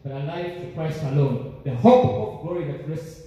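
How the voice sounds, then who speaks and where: Young male preacher, high and mellow voice, fervent, repetitive, echoey hall, heard from far off. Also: lively intonation, normal speed, lo-fi sound. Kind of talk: sermon. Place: large church sanctuary, standing at a pulpit. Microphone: handheld mic, filmed by a far camera.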